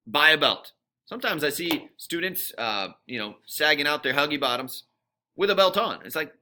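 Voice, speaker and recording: A man's voice: on the high side, sharp tone. Playful, emphatic male teacher. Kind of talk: recorded grammar lesson.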